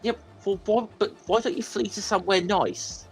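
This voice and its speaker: A man in his forties with a broad Scottish accent, chatting casually as a panellist and often restarting his phrases in a halting way. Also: high voice, creaky, faint music behind. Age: 40s. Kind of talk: casual banter.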